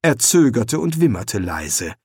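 Slow, lively man narrating an audiobook. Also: mid-range voice, no room sound, studio quality. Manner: slow, deliberate and dryly ironic. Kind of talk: scripted narration.

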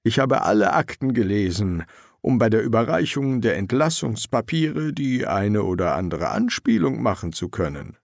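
A man's voice: on the low side, sing-song, moderate pace, vocal fry, no echo, studio quality, heavily acted. A man voicing a polite, fussy young army lieutenant who talks in a formal, courteous, chatty way, in a German audiobook. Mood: prim.

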